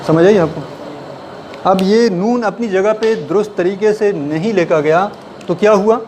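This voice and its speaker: A man's voice: high-pitched, darkish tone, a little hiss or hum. A man teaching a writing class in a classroom, explaining step by step and often putting questions to the listeners. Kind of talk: classroom lecture. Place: classroom with a board.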